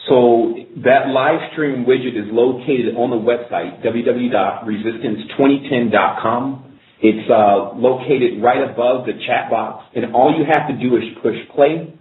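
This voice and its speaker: A man's voice: medium pitch, unhurried, a little hiss or hum. A man hosting a live internet radio show from an office, talking loosely and rambling while he sorts out technical problems on air. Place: office in a corporate building. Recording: echoey, tinny phone-like line.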